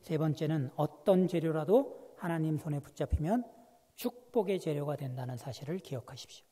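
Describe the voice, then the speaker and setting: A man preaching a sermon as a guest pastor, telling a story with animated swings between hushed and loud delivery. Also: on the high side, normal speed, husky. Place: church sanctuary. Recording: long church reverb.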